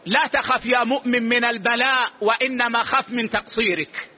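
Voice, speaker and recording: Very high-voiced male religious teacher. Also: steady tone, husky. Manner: measured, authoritative, closes each answer with a short "yes". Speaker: religious scholar answering questions. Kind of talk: religious lesson with questions and answers. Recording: tinny phone-like lo-fi recording.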